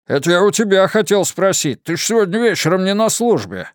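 A man voicing a rude, hot-tempered police deputy chief in an audiobook, gruff and snapping. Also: high-pitched, big pitch swings, a little fast, no room sound, clean studio sound, voice pushed up. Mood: angry.

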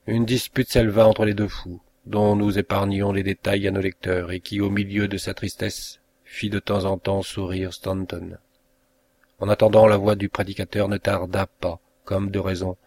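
A man with a somewhat low voice narrates an old novel. His reading is measured and expressive, with the steady pace of an audiobook. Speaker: audiobook reader. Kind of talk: scripted narration.

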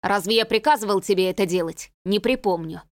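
A woman's voice: mid-range voice, fairly quick, no room sound, studio quality, close to an everyday voice. A woman reading the part of a commanding young king in an audiobook. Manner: sharp, commanding.

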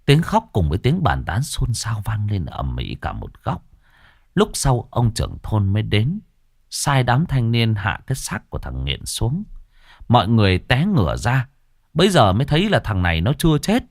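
A man's voice: lowish voice, huge pitch swings, normal speed, gravelly, dry recording. Man, ghost story narrator, dramatic, dry close sound. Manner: dramatic, vivid storytelling with earthy humor.

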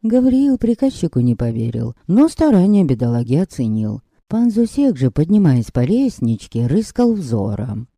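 A man narrating an audiobook in a wry, unhurried storytelling manner. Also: a little high, big pitch swings, gravelly, warm tone, no room sound, studio quality. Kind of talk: scripted narration.

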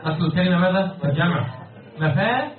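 A man's voice: high-pitched, expressive, quick pace. A man with an Egyptian accent teaching Quran commentary and Arabic morphology, often stopping to quiz his students. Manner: keeps quizzing students and pressing them for answers. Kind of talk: classroom lecture with questions to students. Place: lecture hall with students. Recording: echoey, distant, phone-like, crowd noise.

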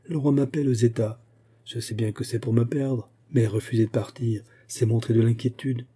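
Weary fallen minister, grave and measured, dark husky voice, a man reading it out. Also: mid-range voice, steady tone, natural voice.

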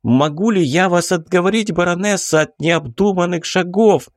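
A man's voice: sits high, normal speed, dry recording, studio quality, pitched above the performer's own voice, lightly acted. A man reading an audiobook, voicing a cautious, timid investigator who talks in a hesitant, placating way. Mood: pleading. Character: cautious middle-aged male investigator, timid.

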